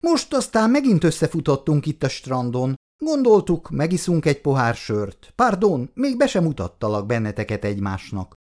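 A defensive young man , as a male reader plays him, justifying himself in an injured, self-righteous tone. A storybook voice whose pitch rises and falls in lively swings. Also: few pauses.

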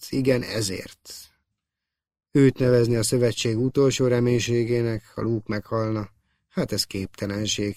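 A man narrating an audiobook in a measured, soft-spoken way. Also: mid-range voice, dry recording, studio quality. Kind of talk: scripted narration.

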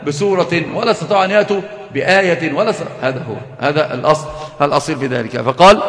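A high-voiced man teaches a classical religious text at a brisk pace. He is emphatic and keeps asking his listeners rhetorical questions. The sound is roomy, with a long hall reverb. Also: fairly bright tone. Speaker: Islamic scholar teaching a text. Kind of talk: religious lecture. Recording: echoey hall.

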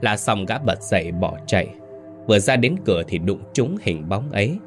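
A man with a very low voice tells a ghost story. He narrates steadily, with a dramatic edge. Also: lively intonation, normal speed, faint music behind.

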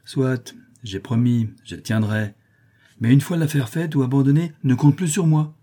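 A man's voice: medium pitch, measured pace, dark tone, pitched above the performer's own voice, natural voice. A man reading aloud voicing a cautious, nervous male outlaw companion who speaks hesitantly. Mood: reluctant.

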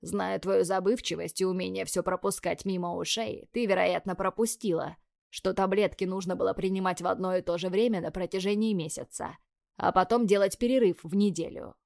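Woman doing a teasing old grey-bearded doc, fatherly, warm-chiding, in a dry booth. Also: medium pitch, steady tone, fairly quick, vocal fry, dry recording, natural voice. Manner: gently scolding, chuckling.

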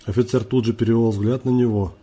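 A man reads a story aloud in an audiobook style. His voice is dark and mellow with a husky edge. He voices the dialogue by lifting his pitch. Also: steady tone, fast talker. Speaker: narrator.

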